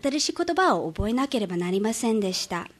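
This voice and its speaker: A woman from Hawaii, a student, delivering a memorized speech with careful, measured phrasing. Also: medium pitch, sing-song. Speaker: student speaker.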